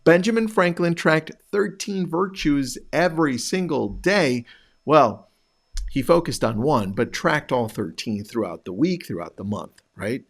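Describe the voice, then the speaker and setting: A man's voice: on the high side, expressive, a little slow. A man hosting a show, giving direct motivational coaching to real estate agents with rhetorical questions. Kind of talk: motivational talk to camera.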